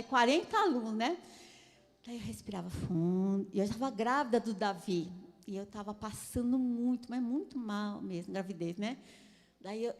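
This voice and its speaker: A woman with a fairly high voice and a Brazilian Portuguese accent gives a chatty church talk on parenting, recorded in a large hall. Her conversational sermon includes personal stories, and she laughs often and asks listeners for agreement.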